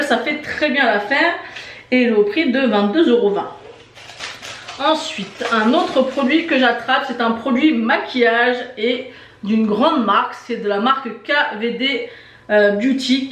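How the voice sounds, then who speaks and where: A woman's voice: a little high, unhurried, fairly bright tone, distant mic, a little hiss or hum. A woman vlogger doing a casual beauty box unboxing, chatty and enthusiastic, with many fillers. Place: indoor room with shelves of lipsticks behind. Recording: echoey room.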